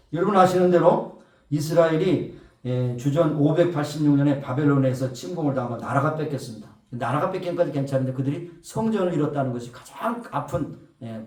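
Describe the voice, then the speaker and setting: A man's voice: mid-range voice, warm tone, far from the mic. A man preaching a Sunday sermon in an echoey church, heard from a little way off the mic. His voice sits in a middle range, and he presses lines home with emphatic swells and rhetorical questions to the listeners. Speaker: pastor. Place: church sanctuary.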